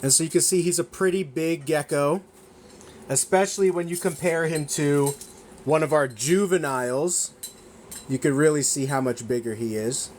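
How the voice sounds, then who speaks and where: A man's voice: a little high, normal speed, darkish tone, slight background noise. A young man hosting a casual livestream as a reptile breeder, talking enthusiastically and rambling, correcting himself often and sometimes eating as he talks. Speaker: gecko breeder and shop owner hosting a livestream. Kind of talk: casual livestream sales chat.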